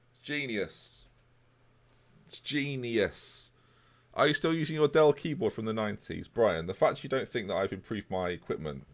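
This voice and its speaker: A man, chatting casually with viewers on a live stream. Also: deep voice. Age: 20s. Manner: chatty, jokey, answers chat.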